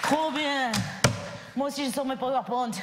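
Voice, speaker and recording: A woman playing a bossy mother who teases and pushes her shy son in a live comedy sketch, talking in quick mocking banter. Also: high voice, steady tone, over a noisy crowd, natural voice. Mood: teasing. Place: conference hall stage. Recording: roomy hall with ambient noise.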